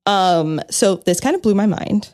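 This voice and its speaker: A woman's voice: medium pitch, expressive, measured pace, darkish tone, no room sound, studio quality. A young woman co-hosting a podcast in casual chat, bubbly and giggly, filling her talk with "like". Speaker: podcast co-host.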